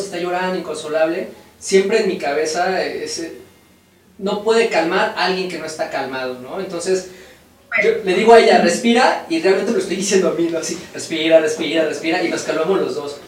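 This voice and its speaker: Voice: medium pitch, fairly quick. A host chatting casually with a guest, often checking in with tag questions and restarting phrases. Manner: conversational, frequent fillers like "¿no?" and restarts. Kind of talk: casual interview chat. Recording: very echoey room with a distant mic and faint noise.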